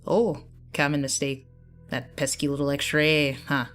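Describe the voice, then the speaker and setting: A woman's voice: deep voice, level tone, unhurried, a bit bright. A woman narrator voicing a scruffy young male entity with a nasal, offhand, nosy way of talking, over faint music.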